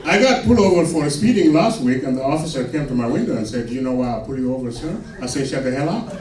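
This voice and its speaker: A man from Sudan with a Sudanese accent doing a stand-up comedy set on a club stage, delivering his punchlines slowly and deadpan. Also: mid-range voice, far from the mic. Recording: echoey club recorded from afar with laughing crowd. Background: audience laughter.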